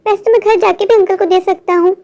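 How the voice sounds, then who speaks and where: A woman's voice: very high-pitched, steady tone, fast talker, dark tone. A performer voicing a stubborn but protective young boy who reassures his friend in a cartoon. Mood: reassuring stubborn.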